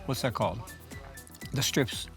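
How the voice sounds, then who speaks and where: A man's voice: mid-range voice, measured pace, fairly bright tone, faint music behind. A man hosting a fishing show, chatting casually and teasing his guest over a meal. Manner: joking, teasing, talks while eating.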